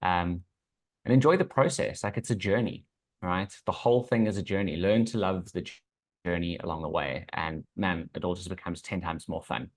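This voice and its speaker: A man's voice: sits low, normal speed. A man with a South African accent, giving conversational business advice as a guest in an assured, instructive way. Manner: assured, instructive, checks in with "right". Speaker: business consultant, podcast guest.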